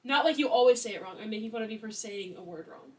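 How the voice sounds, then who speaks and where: A young woman with a high voice teases and argues in a casual vlog debate, building her case step by step. She sounds a little distant from the mic. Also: fast. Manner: teasing, argumentative, builds points stepwise. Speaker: co-host. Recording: voice a bit far from the mic.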